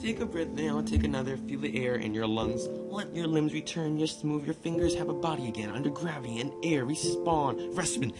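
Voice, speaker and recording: Fairly high-pitched and a little fast, this man barely pauses as he gives casual game commentary and amateur read-aloud narration. The reading is informal, with stumbles and ad-libs, and guitar and piano music runs behind him.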